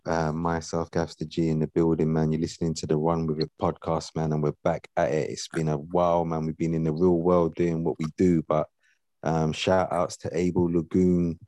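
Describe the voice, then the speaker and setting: Deep-voiced London man hosting a podcast. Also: monotone, moderate pace, warm tone, no room sound. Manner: slangy, upbeat, repeats himself. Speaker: podcast host. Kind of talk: casual podcast chat.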